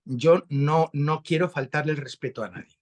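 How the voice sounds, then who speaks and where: A man with an accent from Spain, explaining a Bible passage slowly and thoughtfully in a conversation over a video call. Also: fairly high pitch. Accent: Spanish from Spain. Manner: slow, reflective, animated rises when stressing a point. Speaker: guest speaker. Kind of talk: conversational religious teaching.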